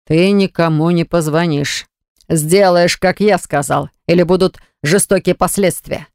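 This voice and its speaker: A woman narrator voicing a stern, domineering young man who speaks in slow, low, clipped commands. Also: steady tone, a little mellow, clean tone, dry recording, clean studio sound.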